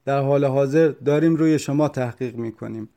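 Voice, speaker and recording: A man's voice: mid-range voice, warm tone, natural voice. A man voicing a stern, mocking police officer during an interrogation. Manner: cold, mocking.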